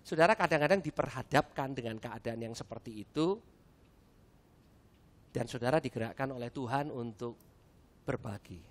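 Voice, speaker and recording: A middle-aged man, preaching a lively sermon at a church service and acting out the dialogue in his stories. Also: medium pitch, moderate pace, pauses often. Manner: animated storytelling with acted-out dialogue. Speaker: pastor.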